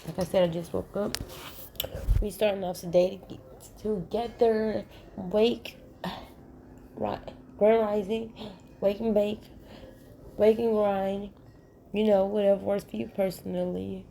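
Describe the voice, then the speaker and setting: A woman talks to her viewers in a loose, just-woke-up ramble, yawning through her words and showering them with affection. Her voice is mellow and warm rather than bright. A faint hiss of noise sits under the recording. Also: mid-range voice, slow pace, creaky, pauses often. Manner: sleepy, yawning, relaxed and rambling. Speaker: channel host. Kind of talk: casual morning chat to viewers.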